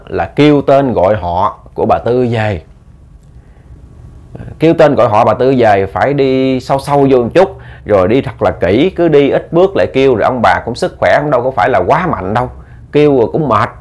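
A man's voice: medium pitch, darkish tone. Male ghost-story narrator, chatty and repetitive. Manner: conversational, repeats words, addresses listeners.

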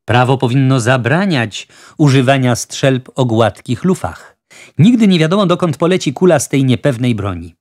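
A man's voice: mid-range voice, animated, moderate pace, darkish tone, dry recording, clean studio sound, natural voice. A man voicing a proud, stubborn old frontier hunter who grumbles with indignation. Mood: indignant.

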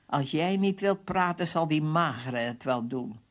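A woman's voice: low voice, animated, a little slow. A woman voicing a brutal male police captain who barks threats and orders. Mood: menacing. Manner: harsh, barking threats.

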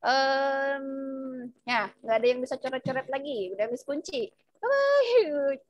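A young woman with an Indonesian accent teaching children English over a video call, switching between English and Indonesian and spelling out phrases slowly for her pupils. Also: high voice, fairly even intonation, dull audio, over a noisy crowd. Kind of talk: online English lesson for children.

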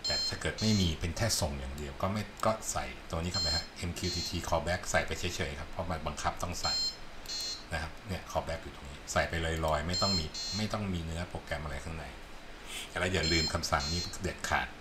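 A man teaching a coding tutorial over a screen recording, unhurried, explaining step by step and often checking that the viewer sees. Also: low-pitched. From Thailand. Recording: loud background noise.

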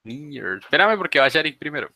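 A man's voice: on the high side, sing-song, a little fast, sharp tone. A male teacher leading an online English class, patiently explaining rules step by step.

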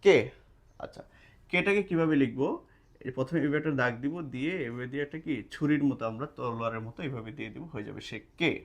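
A man's voice: mid-range voice, fast. A man teaching casually at a board, explaining step by step and checking in often with his listeners. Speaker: language teacher. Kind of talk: casual spoken lesson at a board. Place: indoors, classroom or study room at a board. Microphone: camera mic while writing on a board.

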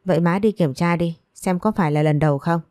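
A woman's voice: on the low side, brisk, mellow, dry recording, studio quality, lightly acted. A woman voicing an angry young man, the son of a rich house, talking in an indignant, pressing way.

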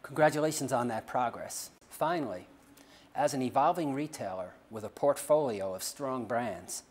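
Male corporate interviewer, polished, scripted, smooth delivery. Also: medium pitch, animated, moderate pace. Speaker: interview host. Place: studio.

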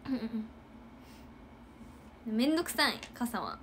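Young woman, casual livestream chat, high and very animated, giggly, faint background hiss. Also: normal speed. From Japan. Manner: chatty, giggly, acts out loud quotes. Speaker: idol livestreamer.

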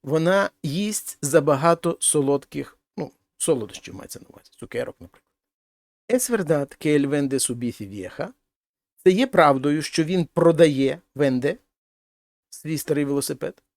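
A man's voice: on the high side, lively intonation, moderate pace, creaky, a little mellow, dry recording, clean studio sound. A man teaching a language lesson, explaining grammar step by step and translating each example sentence. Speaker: Spanish teacher.

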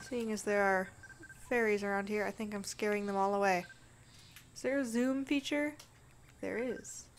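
A woman's voice: medium pitch, fairly even intonation, moderate pace, slight background noise. A woman hosting a gameplay video, giving casual commentary in a chatty, playful way, thinking aloud as she plays.

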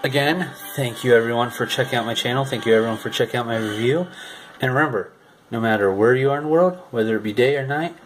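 In a home room, a young man who hosts a channel chats loosely over records playing loudly in the background. His mid-range voice rambles, halts and keeps restarting, and the rough recording carries a little hiss or hum.

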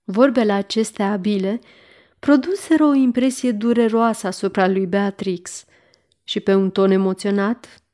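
A woman narrating a historical novel as an audiobook, with a measured, expressive reading. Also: medium pitch. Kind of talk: scripted narration.

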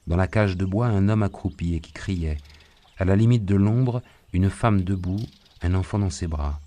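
A man reading a novel aloud as an audiobook narrator, in a measured, calm storytelling manner. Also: deep voice. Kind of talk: scripted narration.

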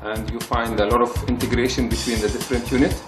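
A man's voice: mid-range voice, flat delivery. Man from the Emirates, echoey, over music. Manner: halting, repeats words while searching for them. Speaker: patient giving a testimonial. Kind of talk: testimonial interview. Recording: roomy echo with loud music bed.

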